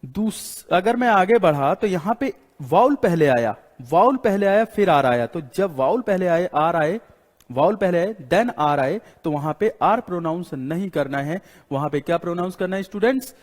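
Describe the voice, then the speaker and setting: A man with an Indian accent teaches an English class, writing on the board, repeating each rule and firing questions at his students. His voice sits a bit high for a man. It rings with a long reverb from the hall around him. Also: animated, moderate pace. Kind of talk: classroom lecture in Hindi.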